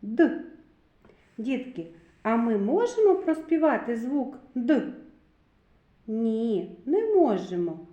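A woman teaching a literacy lesson to young children, speaking slowly and clearly articulated. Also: on the high side, big pitch swings, dark tone, echoey room, highs cut off. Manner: slow, clearly articulated, sing-song addressing children. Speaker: kindergarten teacher.

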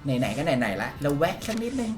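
Excitable male gaming host who yelps at every reveal, voice swooping up and down, talking to viewers over background music. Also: mid-range voice, fairly quick. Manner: excitable, yelps and shrieks at results; addresses viewers directly. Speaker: mobile game YouTuber. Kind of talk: excited gameplay commentary.

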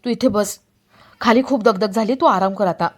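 A woman's voice: medium pitch, normal speed, natural voice. A woman voicing an earnest young man who pleads with his mother.

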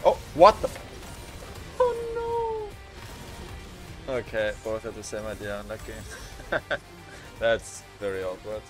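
A man streaming a game on a headset mic, reacting with excitable swearing and laughter. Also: on the low side, takes it slowly, pauses often. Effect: livestream headset mic audio. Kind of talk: live gameplay commentary. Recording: streamed voice with game music behind. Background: game music.

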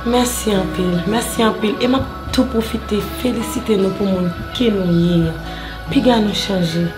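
Actress for a grateful churchwoman role, warm and thankful, over a clear music bed. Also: mid-range voice, normal speed, lightly acted. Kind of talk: amateur drama acting.

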